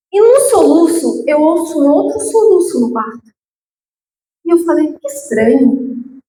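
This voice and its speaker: High-voiced woman giving an emotional testimony. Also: slight background noise. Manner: heartfelt, with slow drawn-out pleading phrases and sudden high emotional peaks. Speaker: guest lecturer. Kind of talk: emotional personal testimony lecture. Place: lecture hall of a spiritual group. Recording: roomy echoing hall with faint background.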